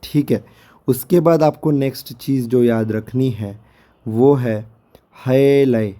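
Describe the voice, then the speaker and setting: Hoarse male teacher for a recorded lecture, very dark mellow tone, slow and patient, drills each syllable. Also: medium pitch. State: hoarse, sore throat. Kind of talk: lecture over a screen recording.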